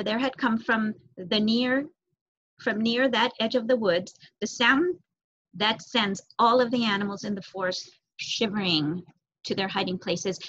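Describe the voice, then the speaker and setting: A young woman reading a children's story aloud, expressive and with varied emphasis. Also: mid-range voice, husky. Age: young adult. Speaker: reader. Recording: dull lo-fi recording.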